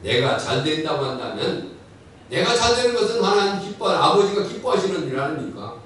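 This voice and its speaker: Man preaching a sermon, voice jumps all over, kinda high, super echoey church, mic far off. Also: a little fast, a little hiss or hum. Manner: animated preaching with dramatic quoted voices. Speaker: pastor. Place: church sanctuary.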